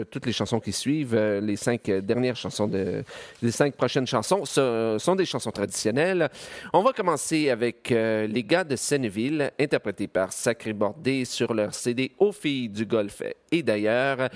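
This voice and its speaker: A man hosting a radio music show, introducing songs in a casual, hesitant way with frequent filler pauses and restarts. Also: medium pitch. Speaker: radio host presenting folk songs. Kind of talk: casual on-air song introductions.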